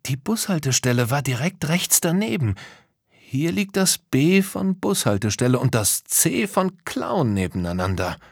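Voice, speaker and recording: A man's voice: fairly high pitch, sing-song, a little slow, slightly rough, dry recording, studio quality, pitched above the performer's own voice, heavily acted. A man doing a skeptical grumbling boy. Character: skeptical impatient young boy. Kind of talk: storybook character voice.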